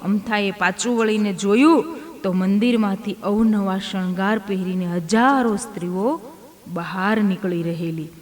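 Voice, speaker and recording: A woman's voice: mid-range voice, unhurried. A woman narrating a devotional tale, speaking every character's lines herself. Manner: voices each character in turn within the tale. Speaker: storyteller. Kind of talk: devotional storytelling. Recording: long hall reverb.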